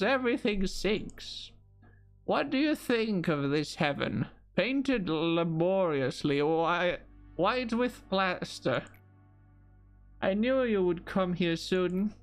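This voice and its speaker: A man voicing a weary, tender older man, reading game dialogue slowly and solemnly. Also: sits high, animated, soft background music, heavily acted. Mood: wistful.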